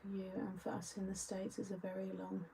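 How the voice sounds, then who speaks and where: A woman's voice: mid-range voice, monotone, a little fast, gravelly, noisy background. A woman hosting a live craft-along, chatting casually and answering viewer comments as she works. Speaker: craft show host.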